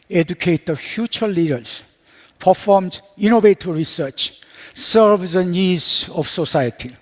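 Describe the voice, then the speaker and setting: A man, a university president, giving a measured, ceremonial welcoming speech on a symposium stage. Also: high voice. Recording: long reverb of a hall.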